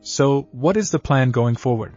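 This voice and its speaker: A calm, self-assured young male ninja speaks in a fan story, read by a man in his own voice. His tone is even and mid-pitched. The audio is slightly dull with soft music underneath. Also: brisk, natural voice.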